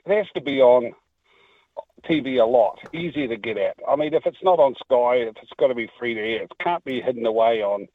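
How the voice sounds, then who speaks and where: A man's voice: mid-range voice, lively intonation, brisk. A man with a New Zealand accent calling in to a talkback radio show over the phone and chatting in a rambling way. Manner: rambling, with restarts. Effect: heard over the phone. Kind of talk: casual phone-in chat. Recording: dry tinny phone line.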